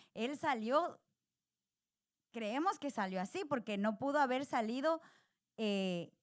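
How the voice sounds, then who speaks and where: Woman pastor preaching conversationally. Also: fairly high pitch. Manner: conversational preaching with asides and quoted inner voices. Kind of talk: sermon. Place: church sanctuary.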